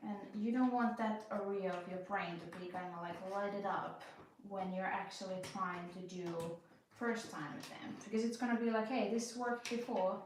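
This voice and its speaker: A young woman hosting a puzzling channel, thinking aloud while she works, talking slowly with many fillers and restarts. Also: mid-range voice, distant mic. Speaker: speed puzzling channel host. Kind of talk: casual commentary while puzzling. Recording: very echoey room, voice off-mic, faint noise.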